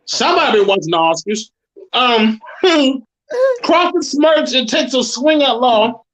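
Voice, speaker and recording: Commentating a wrestling show, this thirty-something man mixes casual, profanity-laced chat with read-out narration of the matches. His voice is very high-pitched, animated and a bit bright, yet unhurried. It's a low-quality recording with slight background noise.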